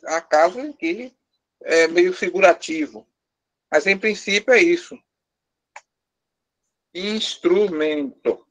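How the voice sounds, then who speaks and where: A man with a Brazilian Portuguese accent teaching a live class, explaining step by step, quizzing his students and joking with them. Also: sits high. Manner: lightly teasing, joking with the class. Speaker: language teacher.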